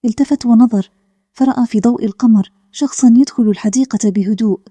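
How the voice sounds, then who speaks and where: A woman narrating a calm bedtime story in a steady, even way. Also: a little high, fast talker, no room sound.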